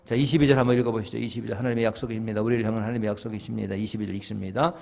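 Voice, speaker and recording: Korean pastor preaching in a reverberant church. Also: male voice, lowish voice, steady tone, racing, creaky. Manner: rhetorical questions answered himself, swings from loud to hushed. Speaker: senior pastor. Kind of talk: early-morning devotional sermon. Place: church sanctuary.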